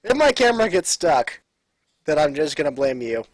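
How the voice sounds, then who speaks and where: A man's voice: on the high side, big pitch swings, moderate pace, no room sound, low-quality recording. Playful male co-caster, dry close sound. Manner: playful, joking, hums along. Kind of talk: casual live game commentary.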